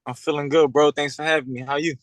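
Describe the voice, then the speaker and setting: A young man in his twenties, from Puerto Rico and raised in Pennsylvania, talks over a video call as a boxer guest. His speech is halting and stop-start, full of fillers and repeats. The sound is dry, with no room echo. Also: on the high side, steady tone. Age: 20s.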